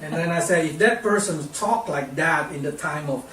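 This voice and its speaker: Slow-speaking preacher with halting English. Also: male voice, on the high side, sharp tone, slight background noise. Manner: halting non-native English, repeats words. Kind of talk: sermon preached in English with interpreter. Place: church sanctuary. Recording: echoey church hall, distant mic.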